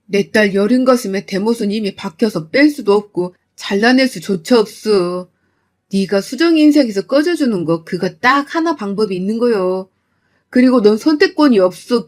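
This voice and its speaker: A woman's voice: medium pitch, brisk, dark tone, close to an everyday voice. A woman voicing an enraged middle-aged father who growls threats.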